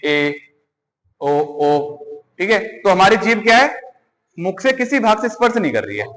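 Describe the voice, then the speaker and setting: A man's voice: high-pitched, fairly bright tone, big-room sound. A man teaching Hindi grammar for exam preparation, repeating sounds aloud and asking students questions. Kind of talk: exam-prep classroom lesson.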